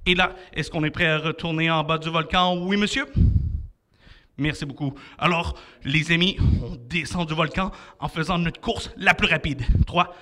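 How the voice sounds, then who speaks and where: A young man with a Québécois French accent coaches children through an energetic martial arts workout. His voice sits high and rings very bright, and he keeps cheering, counting down and urging them on. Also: normal speed. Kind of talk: energetic kids' adventure workout class.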